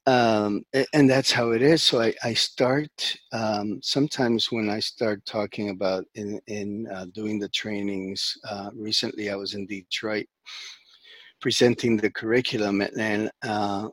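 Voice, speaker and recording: A middle-aged man raised in the Dominican Republic, a therapist talking as a guest in a conversational interview, halting with many fillers and restarts. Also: lowish voice, fairly even intonation, no echo.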